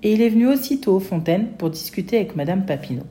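A woman's voice: medium pitch, animated, quick pace, mellow. Woman reading a children's story. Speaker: audiobook reader. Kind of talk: audiobook narration in a child's voice.

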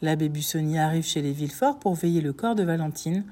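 Female audiobook narrator, dark warm voice, measured dramatic telling. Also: sits low. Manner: steady, dramatic storytelling. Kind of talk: scripted narration.

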